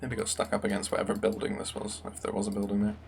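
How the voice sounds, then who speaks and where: A man's voice: lowish voice, monotone, quick pace, gravelly, slight background noise. A young man commentating a strategy game match in a casual, musing way, thinking aloud with fillers. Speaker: game caster.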